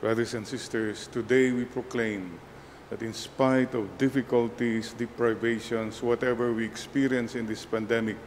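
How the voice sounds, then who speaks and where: A man serving as priest, leading the Mass in a measured, solemn prayer cadence at a pulpit microphone. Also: mid-range voice, level tone, slight background noise. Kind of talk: leading liturgical prayer and exhortation.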